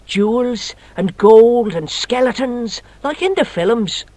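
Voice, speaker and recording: A man's voice: very high-pitched, lively intonation, takes it slowly, a little mellow, dry recording, heavily acted. A man voicing a cheeky, boastful Irish boy who tells tall tales in broad colloquial speech, with an Irish accent, in a video game.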